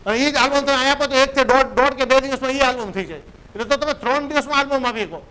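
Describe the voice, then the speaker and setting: High-voiced man coaching. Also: quick pace, bright, forceful tone, smooth, poor audio. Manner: conversational, keeps asking "right?" to check in. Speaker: photography business coach. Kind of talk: motivational business lecture.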